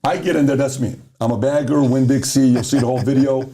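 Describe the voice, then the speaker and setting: A man's voice: medium pitch, fast talker, slight background noise. A middle-aged man from Iran telling motivational stories as a podcast guest, acting out the dialogue as he goes. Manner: animated, acts out dialogue in stories. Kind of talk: motivational storytelling.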